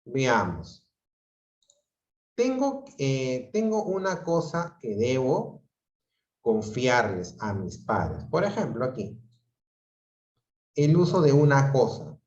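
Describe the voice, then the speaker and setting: A man teaches an online class, explaining things patiently and frequently asking students if they're following. His mid-range voice is slightly mellow and very animated, yet he goes slowly with long pauses. The sound comes through a computer mic on a video call, dull and roomy.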